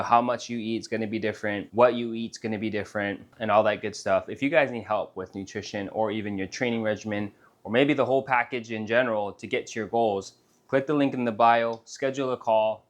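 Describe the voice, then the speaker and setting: A man, a fitness coach talking casually to camera in a relaxed, chatty vlog, sometimes speaking with his mouth full. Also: lowish voice.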